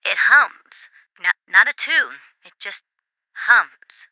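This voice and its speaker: A woman's voice: medium pitch, sing-song, slow pace, no echo, heavily acted, poor audio. Woman acting a nervous, creepy ASMR role-play caller. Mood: uneasy, hushed. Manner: nervous, hushed soft-spoken like a late-night confession. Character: creepy, serene woman living inside house walls. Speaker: caller to a radio show.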